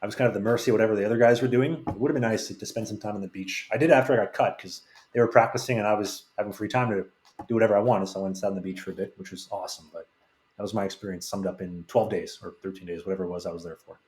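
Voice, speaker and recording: A man's voice: lowish voice, steady tone, very fast, a little mellow. A man who is a podcast guest tells frank, rambling anecdotes in a casual storytelling way, with many restarts. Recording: roomy echo.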